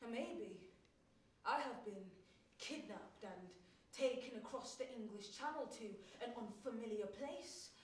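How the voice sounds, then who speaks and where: A wry, lovestruck young graduate with a high voice, on stage. She lingers on her words and mocks herself with dramatic flair. The sound is roomy and heard from far off in a theatre. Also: expressive, measured pace, slight background noise. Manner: dramatic, self-mocking, laughing between lines. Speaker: stage actress performing a monologue. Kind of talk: theatrical monologue.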